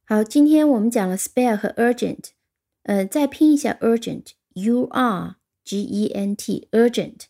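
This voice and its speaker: A woman teaching English vocabulary in a recorded lesson, slowing down to spell out and repeat English words and example sentences. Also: fairly high pitch, creaky, mellow.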